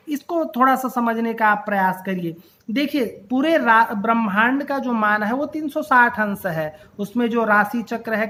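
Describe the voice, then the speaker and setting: A woman teaching astrology basics in a patient, step-by-step explanatory lecture, often pausing in hesitation. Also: fairly high pitch, fairly bright tone.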